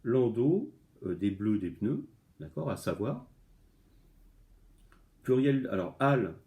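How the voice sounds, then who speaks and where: A man's voice: medium pitch, sing-song, slow, dark tone. A middle-aged man teaching a spelling lesson to a class at home, chatty, with many fillers and restarts, sounding words out aloud as he explains. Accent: French. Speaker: primary school teacher.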